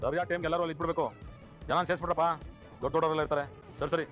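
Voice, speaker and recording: A middle-aged actor in a TV serial playing an authoritative village politician and family head, firm and commanding. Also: male voice, fairly high pitch, flat delivery, racing, fairly bright tone, natural voice. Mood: busy. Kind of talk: TV serial acting. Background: background music score.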